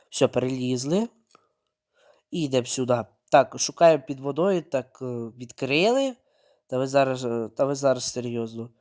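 A man giving running gameplay commentary, narrating his own moves, repeating words and breaking into sudden excited outbursts. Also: mid-range voice. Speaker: mobile game streamer.

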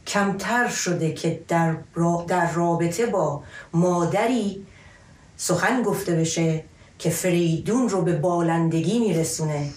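Middle-aged woman, lower register, formal expository storyteller, roomy home recording. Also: a little mellow. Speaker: storyteller presenting and explaining an epic. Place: small wood-panelled room at home, indoors. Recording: echoey room.

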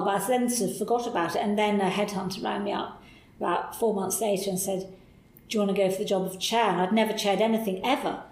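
A middle-aged woman telling her story with lively enthusiasm, often laughing and restarting her sentences. Her voice sits at a moderate pitch. It carries a noticeable roomy echo around it. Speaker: interview guest. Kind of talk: candid conversational storytelling.

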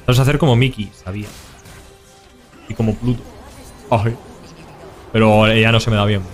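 A man's voice: fairly low pitch, fairly even intonation, moderate pace, soft background music. Slangy Spanish streamer man. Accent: Spain Spanish. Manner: casual and slangy, talks to chat. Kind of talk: live gameplay commentary.

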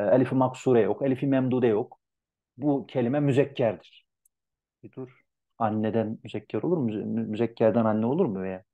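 A man teaching an Arabic translation class online, animated and lively, acting out students' complaints in a raised voice. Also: medium pitch, narrow, tinny audio. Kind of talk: online lecture.

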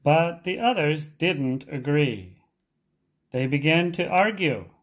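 With a mid-range voice, an English teacher gives learners a storybook reading, delivering each line in a deliberate, expressive and emphatic way.

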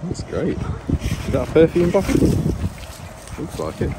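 A man's voice: a little high, big pitch swings, measured pace. A middle-aged man, chatting and joking while magnet fishing by the water with his son. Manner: jokey, chatty, laughs often. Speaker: magnet fishing vlogger, father. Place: outdoors by water. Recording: loud outdoor background noise.

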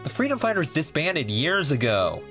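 Man playing an adult male hedgehog hero king, lively pitch, casual, easygoing, cartoon dub, faint music. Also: normal speed. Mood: informative. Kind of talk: comic dub voice acting.

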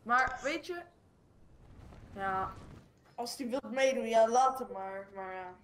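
A woman's voice: fairly high pitch, slow, a bit bright. A woman in a gaming voice chat, agitated and complaining, swearing as she talks. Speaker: fellow player in voice chat.

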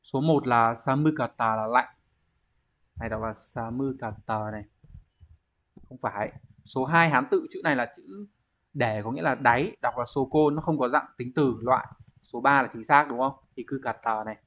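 A man's voice: medium pitch, normal speed, fairly bright tone. Man explaining exam answers step by step. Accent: Vietnamese. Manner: explains step by step, asks and answers his own questions. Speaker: Japanese teacher. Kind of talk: exam walkthrough lesson. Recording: dull lo-fi recording.

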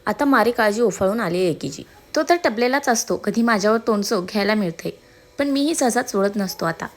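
A woman's voice: medium pitch, animated, fairly quick, lightly acted. Brief: woman voicing a joking, sarcastic young man, hyper and complaining, storybook style.

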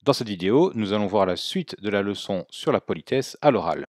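Male language teacher, low-pitched, patient and casual, dry close-miked sound. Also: expressive, darkish tone, dry recording. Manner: explains patiently, repeats Chinese words slowly; casual, self-correcting with fillers. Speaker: Mandarin teacher. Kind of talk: spoken language lesson.

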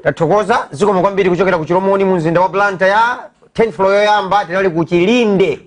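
A man's voice: sits high, fast talker. A middle-aged Malawian man hosting a live sports phone-in show in a TV studio.

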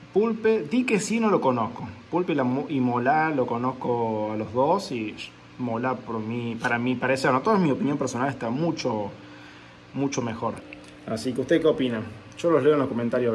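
In a small room at home, a young adult vlogger from Argentina who covers food and travel talks into a phone camera at arm's length for a casual reaction video. His ordinary mid-level pitch and offhand, chatty manner sit over a faint hiss, and he repeatedly says he doesn't know the places.

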